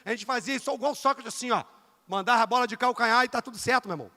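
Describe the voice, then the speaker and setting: A man with a Rio de Janeiro Portuguese accent preaches a lively evangelical sermon in a high, bright, forceful voice. He is emphatic, swinging between loud bursts and quiet asides, and keeps calling the congregation dear brother. The sound carries the long reverb of a church hall. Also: very fast. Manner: addresses listeners as dear brother, asks for amens. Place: church sanctuary.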